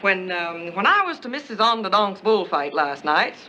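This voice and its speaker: Noisy old 1930s film sound. witty, restless rich sister, bright and cutting, arch comedy delivery. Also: female voice, medium pitch, big pitch swings, normal speed, highs cut off. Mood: mock-stern, teasing. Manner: arch, teasing, mock-pompous delivery.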